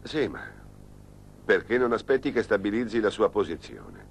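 A man voicing a calm, reasoning father who gently cautions his daughter, in a dubbed telenovela. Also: on the low side, normal speed, slight background noise. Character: patient, worried middle-aged father.

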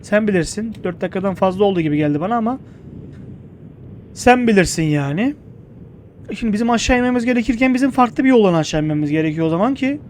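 Excitable young man on game commentary. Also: sits high, fast talker, a little hiss or hum. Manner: excitable, jokey, yells at the game. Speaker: gameplay streamer. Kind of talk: gameplay commentary.

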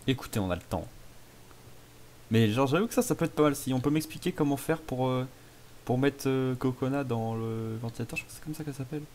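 A man's voice: medium pitch, a little fast, a little mellow. A man casually commentating a video game, playful and self-mocking as he chats with viewers. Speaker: gaming YouTuber. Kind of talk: casual let's play commentary.

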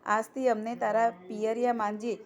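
A woman's voice: a little high, little pitch movement, normal speed, lightly acted. Woman reading as a motherly cobra spirit. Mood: kind. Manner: gentle, soothing.

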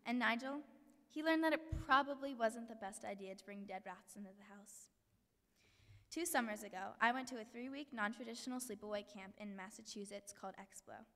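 A teenage girl, a middle-school student, giving an earnest prepared speech at a podium in a school hall, reading from notes with small slips. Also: medium pitch. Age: teens. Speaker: student speaker. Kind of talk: prepared speech read aloud. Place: large school hall with an audience. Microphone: podium mic, filmed from the back of the hall. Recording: long hall reverb, distant camera.

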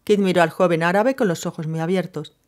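A woman narrating a novel in a measured, steady reading voice. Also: on the low side. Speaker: audiobook narrator.

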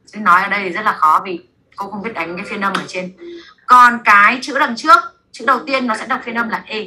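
A woman teaching basic French to a class in a classroom, with a Vietnamese accent, repeating words slowly for students to echo. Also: mid-range voice, fairly even intonation, pushed and bright.

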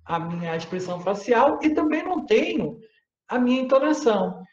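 A man's voice: high voice, darkish tone. Man lecturing in a roomy space. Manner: explanatory, frequently tags phrases with "né?", hesitant fillers. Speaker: university lecturer. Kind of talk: online academic lecture. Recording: roomy, slightly dull audio.

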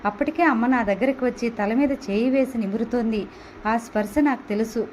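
A woman's voice: on the high side, fairly quick, a little mellow, a little hiss or hum, low-quality recording. Woman narrating a Telugu audio novel.

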